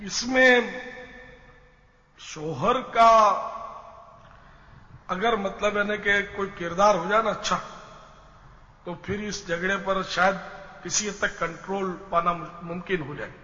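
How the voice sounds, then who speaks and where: A male religious preacher with a high, sharp voice gives an Islamic advice lecture on family life, explaining patiently with everyday examples and long pauses. The recording sounds dull and lo-fi, captured in a reverberant hall.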